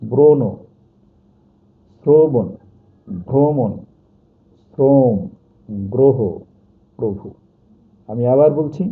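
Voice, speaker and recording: A male teacher gives a pronunciation lesson at a slow, repetitive pace, reading out one example word after another. His voice sits at a middle pitch. The sound is thin and tinny, like a phone line.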